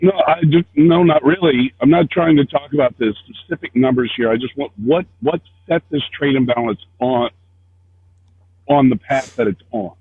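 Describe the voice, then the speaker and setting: A man's voice: medium pitch, moderate pace, breathy edge. A man calling into a livestream over a headset, his voice muffled as if through a wall, pressing on with his questions. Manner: persistent questioning. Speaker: caller on a livestream. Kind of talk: casual call-in chat. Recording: muffled lo-fi phone-like line.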